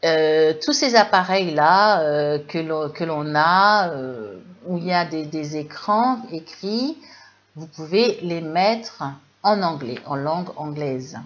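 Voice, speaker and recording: A woman with a French accent teaching English in a live webinar, lively and full of fillers, reading chat questions aloud. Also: sits low, takes it slowly. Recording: dull lo-fi webinar audio.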